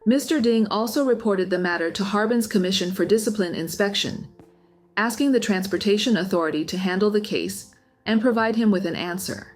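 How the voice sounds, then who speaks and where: A woman's voice: mid-range voice, a little fast. A woman reading a scripted documentary-style narration of a news story.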